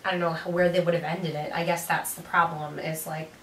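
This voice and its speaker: Wry young woman, lowish voice. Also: level tone, fairly quick, a little hiss or hum. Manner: wry, joking, easygoing. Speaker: co-host reviewing theater. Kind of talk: casual chat. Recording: roomy room sound from a distant mic.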